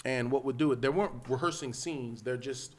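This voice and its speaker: A man with a Los Angeles accent, a podcast guest telling an animated story and acting out the quotes. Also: medium pitch, normal speed. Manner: lively, acts out quotes, loud and laughing at the peaks.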